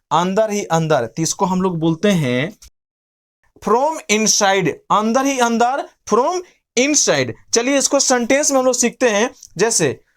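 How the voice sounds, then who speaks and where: A woman teaching an online language lesson. She patiently repeats each phrase and asks and answers her own questions. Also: medium pitch. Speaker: English teacher.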